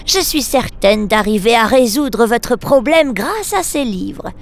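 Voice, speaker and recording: A woman playing a prim, strict librarian who scolds calmly and firmly. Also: a little high, a little slow. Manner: strict, schoolmarmish and composed.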